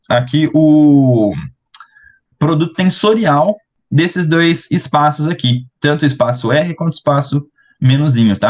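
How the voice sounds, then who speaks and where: A young Brazilian man working through an exercise for students, slowly and step by step, checking in with the class often. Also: fairly high pitch, dull audio. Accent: Brazilian Portuguese. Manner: slow, step-by-step, with many fillers and check-ins. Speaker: teaching assistant. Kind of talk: explaining exercises at a board.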